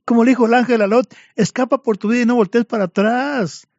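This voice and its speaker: A man's voice: extremely high pitch, fairly even intonation, fast, a little mellow, dry recording. A man preaching a fervent sermon to his congregation, addressing them again and again as brothers, in a dull lo-fi recording.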